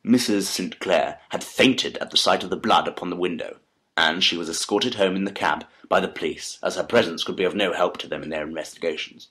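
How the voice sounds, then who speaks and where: An actor playing a keen, analytical detective in a dramatised audiobook, speaking articulately and emphatically in formal period diction. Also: male voice, deep voice, a little fast, fairly bright tone. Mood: measured, explanatory. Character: Sherlock Holmes, keen analytical male detective recounting a case.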